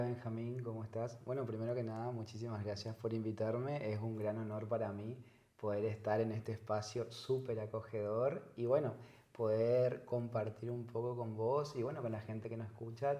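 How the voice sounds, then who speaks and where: A man's voice: on the low side, fairly even intonation, normal speed, dark tone. A man from northern Argentina with an Argentine accent, a psychologist guest in an interview, speaking reflectively and repeating words as he searches for phrasing. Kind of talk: conversational interview. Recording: echoey room.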